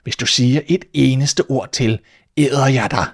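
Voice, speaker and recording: A man's voice: mid-range voice, close to an everyday voice. A man reading a fairy tale aloud, voicing a sly, greedy tomcat who talks smugly and turns threatening. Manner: smug and sly, turning sharp and threatening. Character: sly greedy male tomcat, smug and menacing.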